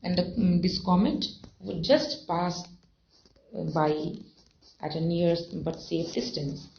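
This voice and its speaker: Slow, gravelly-voiced woman teacher. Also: on the low side. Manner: slow, repeats and defines words, many fillers. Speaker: English teacher. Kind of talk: explaining a textbook chapter. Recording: dull lo-fi recording.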